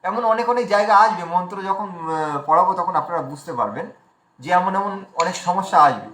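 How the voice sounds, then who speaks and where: A man with a Bengali accent teaching Sanskrit pronunciation in an online class, spelling out letters slowly and explaining each sound. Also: high voice, expressive, fairly bright tone, roomy sound. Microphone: video call.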